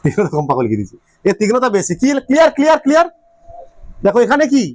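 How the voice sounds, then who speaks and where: A man's voice: very high-pitched, huge pitch swings, very fast, darkish tone, dry recording. A man teaching a physics class, repeating his questions to the students and checking often that they follow. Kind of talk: classroom lecture.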